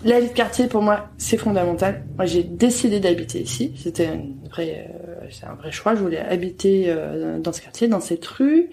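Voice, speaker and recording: A woman who runs a neighbourhood bookshop, chatting as a podcast guest in a lively, joking way with many fillers and restarts. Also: fairly low pitch, moderate pace, gravelly, hardly any pauses, slight background noise. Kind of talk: casual podcast chat. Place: her neighbourhood bookshop in Paris.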